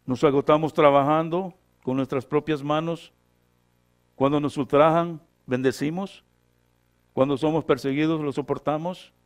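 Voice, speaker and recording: Fairly high-voiced man preaching a sermon. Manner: checks in often with short tag questions; shifts between loud emphatic lines and quiet asides. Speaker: pastor.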